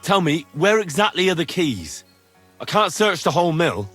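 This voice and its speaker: A man playing a steady, helpful young adventurer in a video game, speaking in a firm, questioning manner. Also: on the high side, moderate pace, soft background music. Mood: firm, concerned. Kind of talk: dramatic video game acting.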